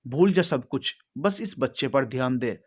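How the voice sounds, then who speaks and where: A man's voice: medium pitch, animated, normal speed, husky. A man voicing a worried older village mother who pleads and scolds. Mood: scolding.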